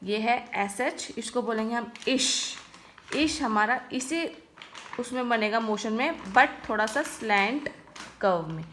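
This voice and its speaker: A woman's voice: fairly high pitch, expressive, slow pace, a bit bright, a little hiss or hum. A woman teaching a stenography lesson, patiently explaining each stroke and often checking in with her viewers. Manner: patient, repeats "ठीक है guys" often.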